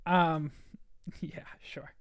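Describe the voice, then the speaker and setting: A man co-hosting a podcast, talking in a measured, casual way with dry teasing, on a studio mic. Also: a little high, level tone, a bit bright, dry recording. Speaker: podcast co-host. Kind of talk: casual chat.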